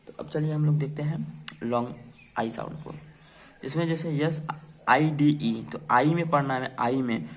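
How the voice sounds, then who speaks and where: A man teaching English reading to beginners, spelling out words letter by letter, asking quick questions and answering them himself. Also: mid-range voice, slight background noise. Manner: repetitive, checks in with "ठीक है" and quiz questions. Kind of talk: phonics lesson for beginners.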